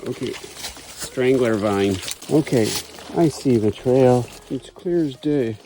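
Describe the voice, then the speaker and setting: A man's voice: mid-range voice, slow, warm tone, a little hiss or hum, rough recording. A man casually narrating his solo bike ride through swampy forest trails, talking to the camera as he goes. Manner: chatty, self-narrating, breathless from effort at times. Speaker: bikepacking vlogger. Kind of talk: casual narration while riding. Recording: music playing underneath. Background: music.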